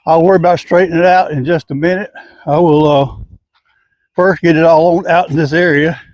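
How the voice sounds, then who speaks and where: A man's voice: fairly high pitch, steady tone, a little fast, a little mellow. An older man, explaining his garden work step by step in a plain-spoken, folksy way while outdoors. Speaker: home gardener. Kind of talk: casual how-to garden vlog.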